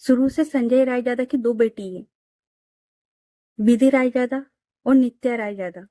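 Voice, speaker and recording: A stern, fair-minded middle-aged father lecturing his daughters, as a woman narrator puts him on. The voice stays high and warm, recorded dry and close. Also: fairly even intonation, a little slow, no room sound, close to an everyday voice. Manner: firm, lecturing.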